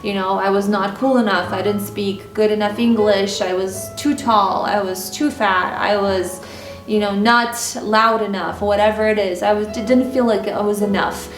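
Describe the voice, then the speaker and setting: The mic sits far from this woman, whose mid-range voice has fairly even intonation and a moderate pace. A style and mindset vlogger from Ukraine with Russian as her first language, she tells personal stories to camera in a frank, chatty way with plenty of fillers, over room echo and a music bed.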